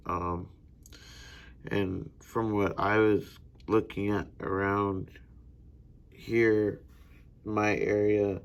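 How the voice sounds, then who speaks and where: An American man, a gunsmithing student, giving an unhurried instructional demonstration with frequent hesitations. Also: fairly low pitch, flat delivery, creaky, clear, resonant tone.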